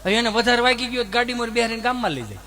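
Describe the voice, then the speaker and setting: A man's voice: very high voice, very fast, slight background noise. A man, telling a folk comedy monologue on stage and mimicking family members as he goes. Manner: animated storytelling, mimics family voices. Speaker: stand-up comedian.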